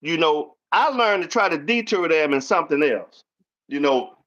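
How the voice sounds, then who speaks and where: A man's voice: a little high, lively intonation, moderate pace, fairly bright tone. A man hosting a casual chat, telling stories in with a folksy manner and acting out quotes. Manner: storytelling, folksy, acts out quotes. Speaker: host. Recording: dull lo-fi audio.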